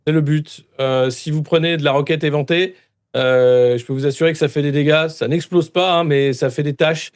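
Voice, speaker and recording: Pompous eco-militant spokesman, somewhat high voice, earnest, as a man plays him. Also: fairly even intonation, normal speed, clear, resonant tone, natural voice. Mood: self-serious. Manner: earnest, pompous slogans with hesitant fillers. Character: solemn male eco-militant spokesman, self-serious.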